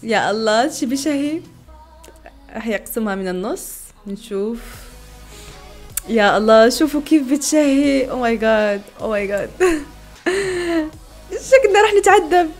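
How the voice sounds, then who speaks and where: A woman's voice: a little high, animated, a little slow, long pauses, faint music behind. A young woman, reacting to food videos in a casual vlog, giggling often and exclaiming playfully.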